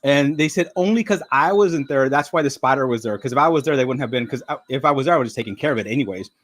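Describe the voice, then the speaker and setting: A middle-aged man rambles through a casual live-stream chat. His pitch sits in an ordinary middle range. He talks in loose, friendly stretches full of fillers and now and then speaks with his mouth full. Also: expressive, fast talker. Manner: rambling, chatty, with frequent fillers; talks while eating. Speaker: livestream host.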